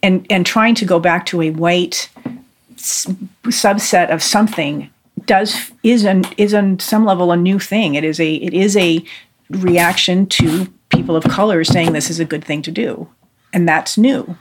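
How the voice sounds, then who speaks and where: A podcast co-host in a casual discussion, talking fast with frequent restarts and offhand swearing. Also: medium pitch, a little hiss or hum.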